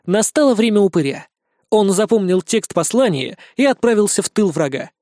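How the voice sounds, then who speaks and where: Audiobook narrator: man, higher than average, even storytelling read, dry close studio sound. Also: moderate pace, no room sound.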